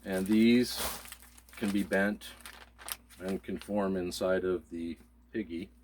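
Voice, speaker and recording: On a prepping channel, a male co-host explains supplies step by step in an easygoing, casual demonstration. His voice is deep, steady, darkish and fairly slow, with slight background noise.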